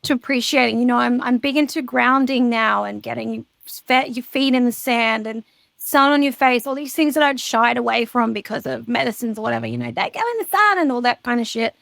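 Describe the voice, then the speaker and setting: High, gravelly woman. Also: fairly quick, dry recording. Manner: chatty, animated storytelling with swearing. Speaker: podcast guest. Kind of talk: casual chat.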